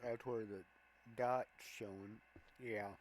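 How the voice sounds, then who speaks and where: A man hosting a gameplay walkthrough, calmly explaining each button press step by step. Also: lowish voice, slight background noise, low-quality recording. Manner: slow, plain step-by-step explaining of controls. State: has the hiccups. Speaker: gameplay video host.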